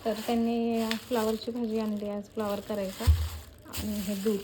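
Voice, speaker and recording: A woman's voice: mid-range voice, level tone, moderate pace, background noise. A young woman with a Marathi accent filming a home vlog, coaxing and scolding her small children and chatting to viewers. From Maharashtra, India. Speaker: home vlogger and mother. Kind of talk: casual home vlog with kids. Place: home kitchen.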